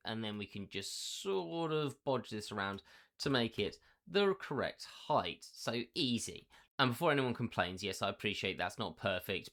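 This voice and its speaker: A man hosting a software tutorial who talks through each step as he does it, recorded in a small box room that makes his voice a bit echoey. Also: fairly low pitch. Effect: slightly echoey sound from recording inside a small box room.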